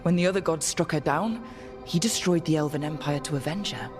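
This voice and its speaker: An earnest, determined hero voiced by an actor in a fantasy game. The voice is mid-pitched and natural, over prominent music. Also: fairly quick, close to an everyday voice. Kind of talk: naturalistic video game dialogue.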